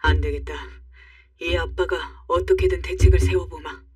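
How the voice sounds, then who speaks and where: A woman voicing a calm, determined middle-aged father who speaks firmly in a radio-story reading. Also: fairly low pitch, normal speed, dry recording, clean studio sound, recorded from a distance, natural voice.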